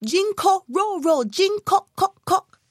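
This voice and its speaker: A storyteller woman doing little toad children who sing their croaking call in a very high, bouncy chant. The lilt is clear. The sound is close and dry. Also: expressive, takes it slowly, dry recording, exaggerated voice. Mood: chirpy. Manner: sing-song croaking calls. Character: small chirping toad children.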